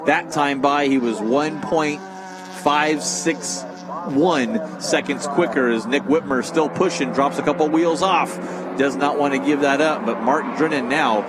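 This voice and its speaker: A man's voice: fairly high pitch, unhurried, noisy background. A man giving live motorsport commentary on a race.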